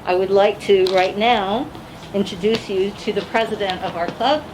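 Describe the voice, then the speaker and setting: Mujer emocionada con ruido de fondo. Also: female voice, mid-range voice, normal speed, background noise. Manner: earnest, heartfelt. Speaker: award recipient. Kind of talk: emotional acceptance speech.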